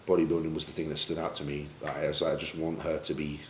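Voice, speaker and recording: A man's voice: a bass voice, monotone, quick pace, slight background noise. A man from Britain, a pro bodybuilder, talking candidly and emotionally in a sit-down interview, swearing casually as he reflects. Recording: roomy echo, faint ambience.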